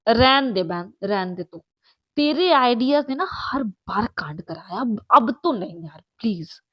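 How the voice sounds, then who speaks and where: Woman doing a soft-spoken, pleading young woman. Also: a little high, expressive, unhurried, no room sound, low-quality recording.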